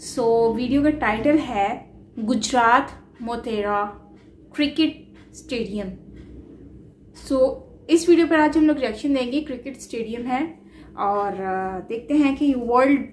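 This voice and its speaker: A woman's voice: a little high, a little slow, a little mellow, slight background noise. Young woman vlogging from an echoey room. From Pakistan. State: slightly ill with fever. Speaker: reaction vlogger. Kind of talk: casual reaction vlog. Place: small indoor room.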